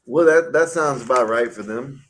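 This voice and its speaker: Mid-pitched guy on a livestream panel, blunt and ranting, swears plenty. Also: moderate pace, fairly bright tone, low-quality recording. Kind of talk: casual livestream panel chat. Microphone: home mic on a video call.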